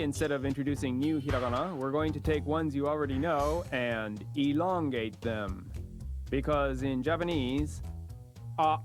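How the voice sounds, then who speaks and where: A man narrates a recorded language lesson at a middling pitch, drawing out each sound slowly and deliberately. Faint music sits under his voice. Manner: slow, careful pronunciation drills. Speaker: language teacher.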